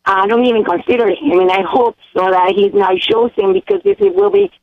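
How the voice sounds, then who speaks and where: A woman's voice: fairly high pitch, sing-song, brisk, gravelly, no room sound. A woman from El Salvador calling into a radio show, speaking earnestly and hesitantly with many ums. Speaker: caller. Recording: tinny phone line.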